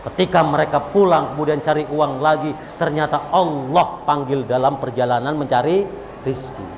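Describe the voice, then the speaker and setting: A male preacher, preaching a lively sermon and calling out to the crowd. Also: a little high. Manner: animated, repetitive, calls out to the crowd. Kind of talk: religious sermon at a gathering. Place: large hall at a religious event. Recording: echoey hall, faint background noise.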